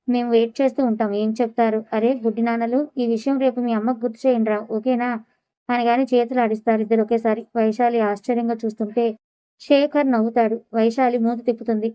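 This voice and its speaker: A woman's voice: on the high side, little pitch movement, quick pace, warm tone, no echo, lo-fi sound. A woman narrating a serialized audio story, voicing the dialogue of all characters in her own voice.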